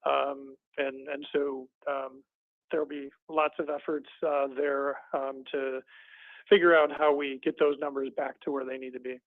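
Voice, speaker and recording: A man presenting a finance report at a committee meeting, halting often with ums and uhs. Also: mid-range voice, level tone, no echo. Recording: tinny phone-like line.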